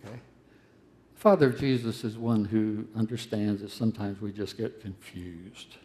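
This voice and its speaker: An older man preaching a sermon in a conversational, earnest way, his voice swelling to loud, emphatic peaks. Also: fairly low pitch, fairly even intonation, moderate pace.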